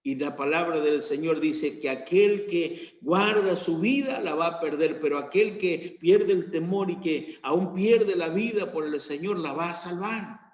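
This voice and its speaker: A man's voice: unhurried, dull audio. Male Argentine pastor, sermon delivery, emphatic swells, echoey church room. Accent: Argentine Spanish. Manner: preaching, rising to emphatic peaks then dropping low.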